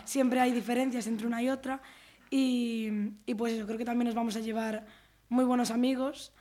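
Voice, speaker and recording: A teenage student guest, chatty but hesitant, with frequent fillers. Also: female voice, fairly high pitch, flat delivery, moderate pace, dark tone. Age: teens.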